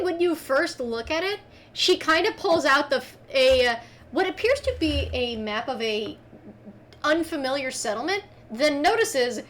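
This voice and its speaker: A woman running a tabletop game as game master, narrating scenes in an animated, descriptive way. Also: sits high.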